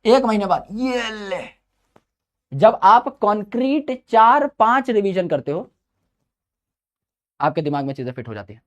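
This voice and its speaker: A young man with a high-pitched, expressive voice teaches a live online biology class at normal speed. He offers study advice chattily, mixing Hindi with English phrases and calling students "brother".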